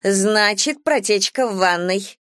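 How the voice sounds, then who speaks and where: A woman's voice: mid-range voice, takes it slowly, fairly bright tone, no room sound. A woman voicing a restrained young woman, speaking dryly and curtly. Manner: dry, clipped.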